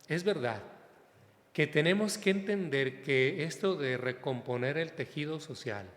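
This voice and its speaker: A man with a Mexican accent, a parish priest giving a conversational sermon and speaking straight to his listeners in a lively way. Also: fairly high pitch. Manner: lively, talks straight to listeners, acts out everyday exchanges. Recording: echoey hall reverb.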